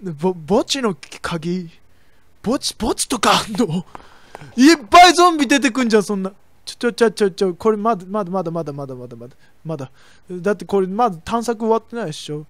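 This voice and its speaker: Young woman, game streamer, excitable, chatty, very animated pitch. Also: fast, no echo. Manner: excitable, chatty, with sudden shrieks. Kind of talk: let's play commentary.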